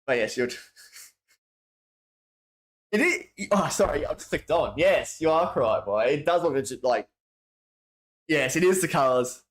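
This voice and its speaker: A man's voice: on the high side, animated, unhurried, pauses often. An Australian man hosting a livestream, chatting casually in a rambling, slangy way as he reads out viewer messages. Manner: rambling, slangy, restarts often. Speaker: livestream host.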